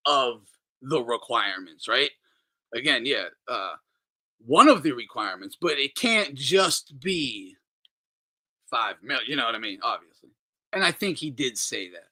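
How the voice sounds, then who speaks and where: Bright-voiced man ranting and swearing. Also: mid-range voice, very animated, a little slow. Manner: laughs often, swears freely. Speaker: boxing talk show host. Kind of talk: casual profane rant.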